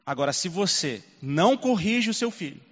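A man preaching as a pastor, telling a family story from the pulpit in a fairly high voice. He drops to near-hushed lines and then swells loud again. The sound is dull and lo-fi, with a long hall reverb trailing each phrase. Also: sing-song, normal speed. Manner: dramatic swings between hushed and loud. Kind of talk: sermon with personal storytelling.

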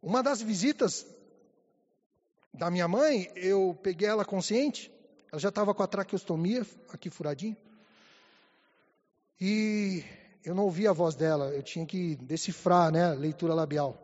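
A man with a high voice preaches in a church, hushed and halting at times, fervent at others. His voice carries a long hall reverb, and the sound is dull and muffled. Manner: soft and halting, rising to fervent. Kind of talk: sermon with personal testimony.

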